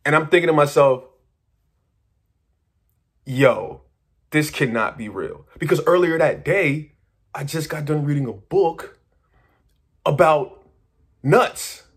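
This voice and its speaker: Excitable man telling a rambling story. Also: fairly high pitch, unhurried, pauses often, husky. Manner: excitable, rambling, with many fillers and restarts; casual slang and swearing. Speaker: manifestation coach. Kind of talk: casual storytelling monologue.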